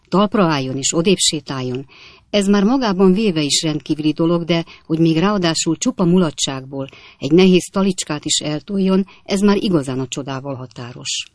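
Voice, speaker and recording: A woman narrating a classic novel as an audiobook reader, in a measured storytelling voice. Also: low voice, no room sound, clean studio sound.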